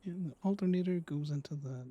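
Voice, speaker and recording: A man's voice: on the high side, fast talker, warm tone, highs cut off. A man with an Irish accent, teasing friends in casual gaming chat. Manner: teasing, joking banter.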